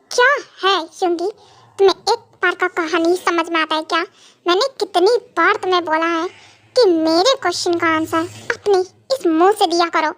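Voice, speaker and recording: A woman's voice: extremely high pitch, fairly bright tone. Woman doing a menacing mafia husband. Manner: threatening, mocking, cold commands. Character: possessive, menacing young male mafia husband. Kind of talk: amateur fan dub.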